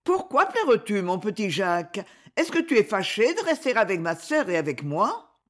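A woman's voice: mid-range voice, big pitch swings, moderate pace. A woman voicing a kind, cheerful young woman who reassures children. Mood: kindly. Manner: warm, reassuring.

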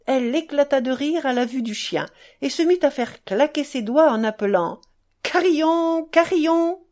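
A woman narrating a literary audiobook in an expressive, measured storytelling manner. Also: sits high.

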